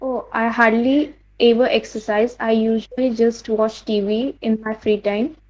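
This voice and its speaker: A woman's voice: fairly high pitch, steady tone, a little slow, highs cut off. A woman student reading a textbook dialogue aloud with some hesitation in an online class.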